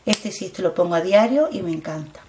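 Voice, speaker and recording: Expressive and a little fast, this middle-aged beauty vlogger from Spain has a lowish, dark-toned voice with a Spanish accent, and the recording carries a slight hiss or hum. She casually shows her products on camera, repeating herself as she tells viewers to look closely.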